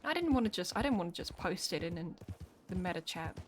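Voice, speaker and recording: A woman's voice: lowish voice, big pitch swings, quick pace, a little hiss or hum. A woman streamer in a casual, rambling chat, swearing now and then. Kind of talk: casual chat while playing a role-play game. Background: game music and horse hooves.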